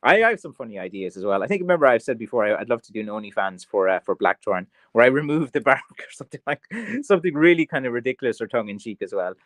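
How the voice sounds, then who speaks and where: A man's voice: mid-range voice, very animated, very fast, few pauses, a bit bright, no room sound. A man with a mild west of Ireland Kerry accent, chatting casually on a livestream in a rambling, tongue-in-cheek way as he answers comments. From County Kerry, Ireland. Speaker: craftsman streamer selling blackthorn sticks.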